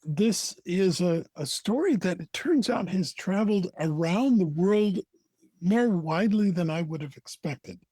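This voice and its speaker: An American man tells a folktale in a high-set voice for a man, with lively swings of pitch. He goes slowly and deliberately, leaving dramatic pauses between phrases. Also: no echo. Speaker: storyteller, co-host. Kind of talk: oral folktale storytelling.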